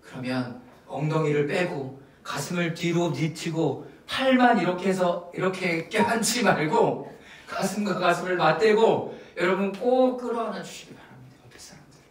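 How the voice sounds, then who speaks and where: A man's voice: high-pitched, normal speed. A male pastor teaching at a Friday prayer meeting, telling a story with acted asides and coaching his congregation. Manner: animated teaching with acted asides and audience prompts. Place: church sanctuary. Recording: echoey church hall, mic at a distance.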